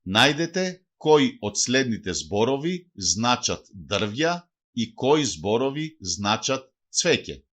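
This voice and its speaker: A man reading a language lesson aloud, slowly and carefully going through lists of words and their meanings. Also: mid-range voice, very animated, a bit bright. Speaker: language teacher. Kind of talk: read-aloud vocabulary lesson.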